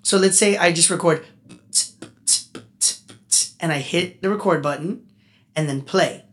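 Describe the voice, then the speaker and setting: A man, a musician guest on a casual podcast interview, talking in an animated, chatty way that turns heartfelt. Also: a little high, measured pace, soft background music. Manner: animated, talkative, gets emotional.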